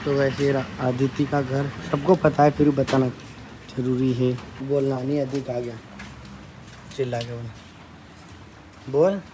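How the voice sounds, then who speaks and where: A man's voice: medium pitch, little pitch movement, measured pace, long pauses, background noise. A man filming a casual family vlog as a father, coaxing and soothing a small child.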